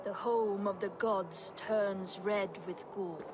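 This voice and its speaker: An actress playing an ominous Norse fate-spinner in a video game, intoning doom in an oracular way. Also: female voice, medium pitch, fairly even intonation, music in the background, natural voice. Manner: slow, oracular. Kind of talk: dramatic video game acting.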